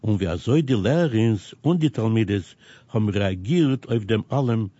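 A man presenting a scripted radio news program, reading items in a steady, measured way. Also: fairly low pitch, no room sound. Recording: dull, lo-fi radio recording.

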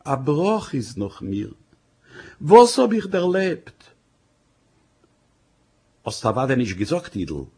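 A husky-voiced man voicing a grieving, tearful young wife who pleads in a slow, drawn-out lament. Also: medium pitch, big pitch swings, a little mellow.

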